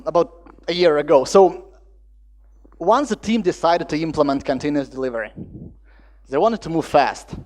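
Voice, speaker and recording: A man from Latvia, giving a conference talk in a lively storytelling way with phrasing. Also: fairly high pitch. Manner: lively storytelling with acted-out dialogue and non-native phrasing. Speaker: conference speaker.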